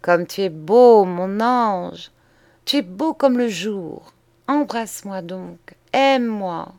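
A woman's voice: medium pitch, slow pace, a little mellow, no echo. A woman reader voicing an ardent young woman lover who pleads tenderly and breathlessly. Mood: pleading.

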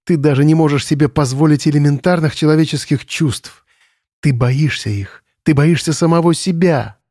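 A man reading the part of a quiet, defiant young woman prisoner of war in an audiobook, speaking calmly and softly. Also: a little high, moderate pace, no echo, studio quality, pitched above the performer's own voice, natural voice. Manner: calm, soft, steady.

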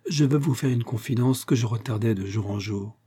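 A man's voice: mid-range voice, brisk, warm tone, breathy edge, natural voice. A man voicing a shy, hopeful young woman confiding her love in a read-aloud novel, speaking eagerly.

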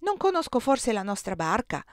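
A woman's voice: fairly high pitch, sing-song, moderate pace, no room sound, clean studio sound, pitched above the performer's own voice. Eager young servant boy, read by a woman.

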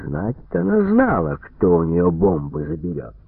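Stern, mocking interrogator played by a man, sharp pressing questions, lively delivery, phone-like radio audio. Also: sits low, normal speed, vocal fry, breathy edge, no room sound, heavily acted. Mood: harsh. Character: stern male gendarme interrogator, mocking and harsh. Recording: tinny lo-fi radio broadcast.

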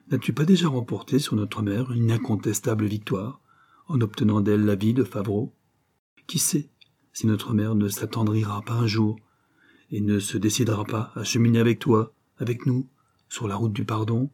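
Tender, encouraging younger brother, read by a man: low, husky tone. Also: fairly even intonation, normal speed. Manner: warm and reassuring.

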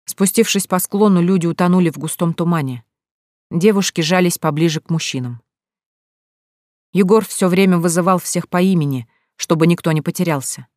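Steady audiobook narrator, dry sound. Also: medium pitch, no echo. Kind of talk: scripted narration.

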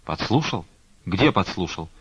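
A man voicing a stern, quick-tempered old abbess who talks sharply and commandingly, on a dull lo-fi recording. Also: sits low, lively intonation, a little hiss or hum. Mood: commanding, impatient.

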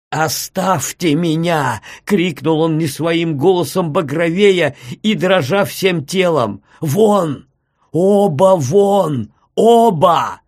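A man narrating classic prose in a measured, even storytelling voice. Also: fairly high pitch, no room sound, studio quality. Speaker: audiobook narrator.

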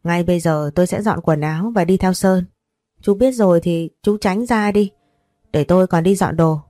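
A woman's voice: fairly low pitch, normal speed, warm tone, no room sound, close to an everyday voice. A woman voicing a sassy fifteen-year-old girl who snaps back defiantly.

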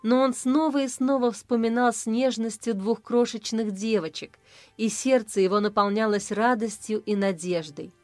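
A woman narrates a romance story in an expressive, warm reading voice pitched somewhat high. Soft music runs faintly underneath. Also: normal speed, no room sound. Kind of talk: audiobook narration.

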